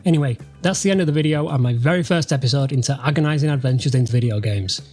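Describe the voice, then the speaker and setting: A man from the UK narrates gameplay as a channel host, his delivery dry and sarcastic as he mocks what he plays. His pitch sits at an ordinary middle level for a man. Soft game music plays faintly behind him. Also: racing. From United Kingdom. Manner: sarcastic, dry mocking humour. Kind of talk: let's-play voice-over commentary.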